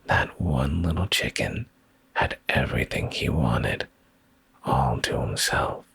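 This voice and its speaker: This is a soft ASMR bedtime story read by a man whose deep, gravelly, breathy voice often turns to a whisper right by the mic. He sounds sleepy and comforting, reads slowly, and the audio has no echo.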